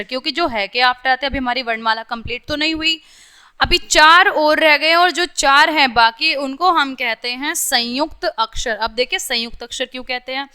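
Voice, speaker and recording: Speaking Hindi sprinkled with English words, a young female teacher walks small children through their lessons, sounding out letters slowly and checking over and over that they keep up. Her voice sits high and has a sharp tone.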